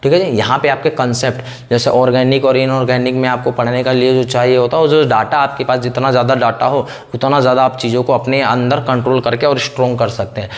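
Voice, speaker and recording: A man delivers a chemistry lecture in Hindi in a medium-pitched, flat voice, speaking fast with few pauses. In this classroom lecture he repeatedly poses questions and then answers them himself.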